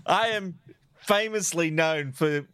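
A man's voice: on the high side, slow, a bit bright, clean tone, dry recording. A man hosting a podcast in casual chat, laughing often and poking fun at himself. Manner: laughs often, self-mocking. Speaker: podcast host.

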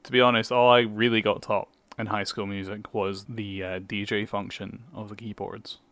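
A young man with a fairly low, flat voice talks at normal speed, his tone a bit bright and free of echo. Co-hosting a podcast, he chats casually about music, swears freely and explains things at length.

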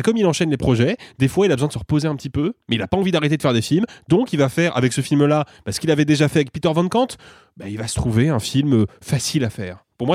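A man debating films as a critic in a casual podcast, animated and argumentative. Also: fairly high pitch, no echo, clean studio sound. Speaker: film critic.

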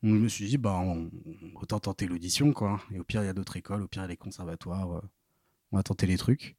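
Young man in his 20s, low voice, dry close mic, hesitant chatty storyteller. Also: fast talker, dark tone, no room sound. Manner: hesitant, full of fillers and restarts. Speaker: podcast guest. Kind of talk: casual interview storytelling.

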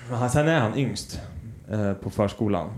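A man's voice: lowish voice, darkish tone. Skrattande svensk man i vardagligt snack. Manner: laughing, swearing, storytelling. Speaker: podcast co-host. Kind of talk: casual chat.

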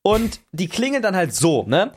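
Animated young man telling a story. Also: high voice, normal speed, husky. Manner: animated, swears freely, mimics sounds. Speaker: podcast co-host. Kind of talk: casual storytelling chat.

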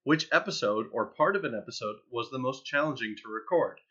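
A man reading listener questions aloud on a podcast in an even, steady way. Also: mid-range voice, fairly quick, breathy edge, dull audio.

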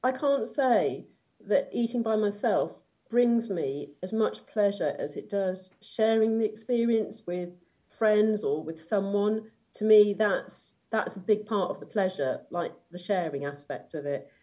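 A woman's voice: medium pitch, animated, a little slow, mellow, poor audio. Woman guest, enthusiastic and giggly, rambling casual chat. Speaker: podcast guest.

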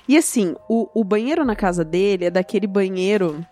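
A woman telling a story in a casual chat, animated and often laughing. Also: mid-range voice, a little fast. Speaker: storyteller guest.

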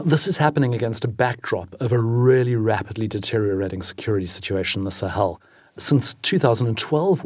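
A man, an Africa editor, explaining in a measured way what he saw on a reporting trip, in a news podcast interview. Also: fairly low pitch, a little mellow, breathy edge, no room sound, clean studio sound.

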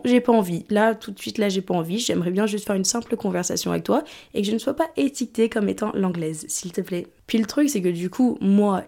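A woman's voice: mid-range voice, warm tone. A woman in her twenties from England, talking candidly in a personal monologue and switching between French and English mid-sentence. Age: 20s. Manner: candid, conversational. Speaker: vlogger.

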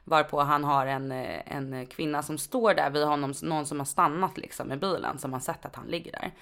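A woman's voice: deep voice, steady tone, fairly bright tone. A woman with a Stockholm accent telling stories in casual, informal, slangy conversation as a podcast co-host. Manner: informal, sweary, slangy speech. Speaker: nurse.

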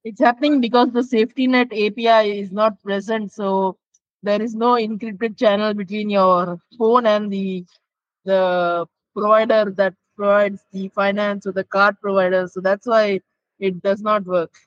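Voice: medium pitch, flat delivery, moderate pace, no echo. A podcast co-host chatting about tech and explaining things in a matter-of-fact way. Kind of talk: casual tech podcast chat. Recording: dull, lo-fi sound.

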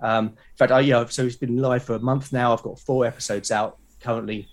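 A British podcast guest talks fairly quickly in a steady, mid-range voice during a casual, conversational interview. He comes across as enthusiastic but hesitant, often repeating himself.

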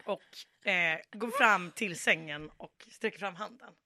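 Very bright-voiced woman telling a story. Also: lowish voice, dry recording. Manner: animated storyteller, acts out quoted dialogue. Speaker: podcast guest. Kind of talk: casual anecdote telling.

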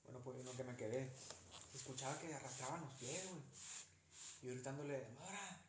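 A young man with a Mexican accent, telling stories in a slangy, animated way on a casual podcast. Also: medium pitch, fairly quick. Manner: slangy, animated, acts out quoted voices. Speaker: podcast co-host. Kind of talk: casual storytelling chat. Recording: roomy, faint background noise.

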